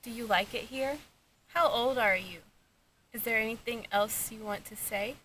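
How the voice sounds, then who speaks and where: A woman paranormal investigator talking to a ghost, putting slow, formal questions to spirits with pauses between them, outdoors. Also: on the high side, bright, forceful tone. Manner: measured, formal, pausing between short questions. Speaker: paranormal investigator leading an EVP session. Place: outdoors in a cemetery. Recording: noisy outdoor field recording.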